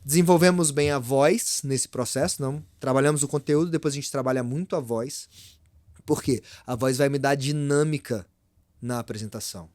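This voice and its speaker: A Brazilian man, a speaking mentor, explaining on a podcast in an animated way, often speeding up, slowing down and raising his voice for effect. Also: medium pitch, no room sound, studio quality. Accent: Brazilian Portuguese. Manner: animated, varies pace and loudness for effect.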